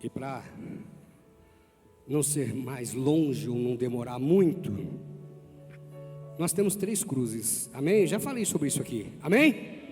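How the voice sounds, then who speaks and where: A man with a Brazilian Portuguese accent preaching a sermon as pastor, animated and calling on the congregation to respond. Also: mid-range voice, takes it slowly, long pauses. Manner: animated, calls on the congregation to repeat after him. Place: large church hall. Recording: long church-hall reverb, faint music.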